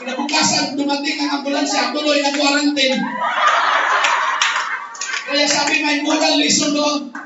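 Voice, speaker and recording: A male pastor with a Filipino accent, preaching with emphatic, often shouted delivery and mixing English with Tagalog. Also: extremely high pitch, flat delivery, moderate pace, pauses often, heavy background noise. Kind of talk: sermon. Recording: echoey hall from far off, dull lo-fi.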